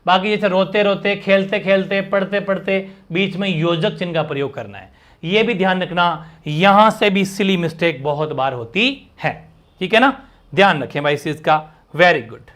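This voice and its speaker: A male teacher giving a live online grammar class, energetic and constantly checking in with his students. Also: sits high, unhurried.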